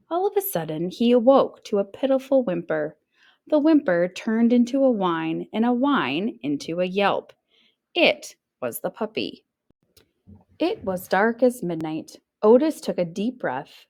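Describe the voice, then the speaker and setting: In a mid-range voice, a woman reads a children's picture book aloud in a teacher's style, narrating with expression and acting out little sounds.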